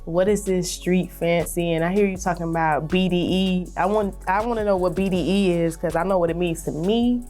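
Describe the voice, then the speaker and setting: An upbeat woman hosts a casual hip hop interview with an animated, sometimes drawn-out delivery. Her voice sits a little low for a woman. Faint music plays in the background. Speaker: interview host.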